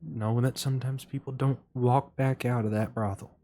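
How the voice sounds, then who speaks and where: A man voicing a flirty, nervous wood elf courtesan woman who talks in a hushed, secretive way. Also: a bass voice, steady tone, moderate pace, soft background music. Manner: hushed, secretive, sometimes snappish.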